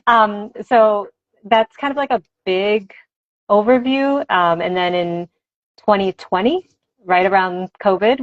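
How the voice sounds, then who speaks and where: A native Spanish-speaking woman with a mid-range voice is interviewed as a guest about her work as a language teacher and advocate. She explains things conversationally, sounding reflective and enthusiastic. The livestream audio is dull and lo-fi, from a close, dry room with no echo.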